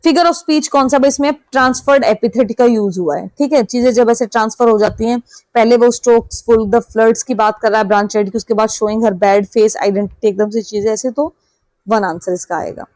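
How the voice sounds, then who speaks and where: A woman with an Indian accent coaching students for an exam, with a high, bright voice. She reads each English question slowly, then answers it herself. The sound is dry and close, with no room around it. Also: dry recording, rough recording. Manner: explains in Hindi, reads English questions slowly, asks and answers her own questions. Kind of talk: online exam-prep lesson.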